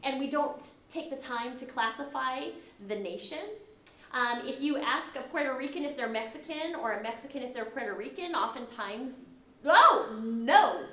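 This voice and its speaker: With a high, pushed, bright voice, a middle-aged US woman gives an animated classroom lecture at normal speed. She teaches in a conversational way, often dramatizing quoted remarks, and the recording's room is echoey.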